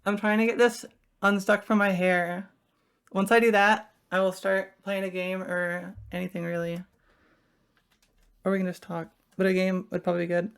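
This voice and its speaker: A woman's voice: medium pitch, level tone, normal speed, clear, resonant tone. A young woman live-streaming from home, rambling chattily to her viewers while she fiddles with something. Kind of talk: casual live-stream chat.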